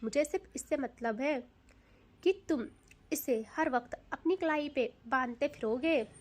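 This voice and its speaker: A woman's voice: high-pitched, unhurried. A woman voicing a possessive, teasing young woman in an audio love story, bossy and playful.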